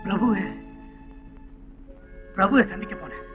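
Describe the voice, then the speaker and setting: An earnest pleading son. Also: male voice, high voice, a little slow. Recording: dull old film soundtrack with music.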